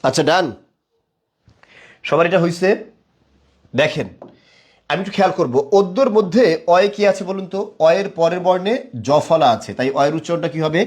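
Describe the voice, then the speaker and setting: A man's voice: sits high, normal speed, pauses often. A young man teaching a live online class, quizzing viewers and praising them again and again. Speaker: online tutor.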